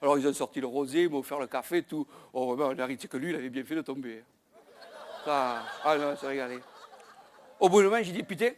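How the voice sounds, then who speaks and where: A man's voice: mid-range voice, fast talker, background noise. A male comedian telling a rambling comic story on a small theater stage, chatty, with frequent asides and crude exclamations. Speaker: stand-up comedian.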